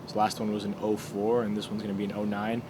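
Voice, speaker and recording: A man's voice: on the low side, little pitch movement, fast talker, background noise. A teenage boy talking casually as a student interviewee, explaining with many fillers and restarts. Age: teens.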